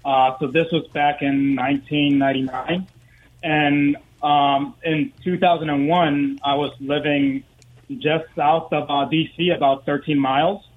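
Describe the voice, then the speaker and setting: A man's voice: fairly high pitch, steady tone, slight background noise. Guy in his 30s calling in, phone-line sound, stops and restarts a lot. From Dominican Republic. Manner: halting, many fillers and restarts. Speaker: guest, parade co-founder. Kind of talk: phone interview.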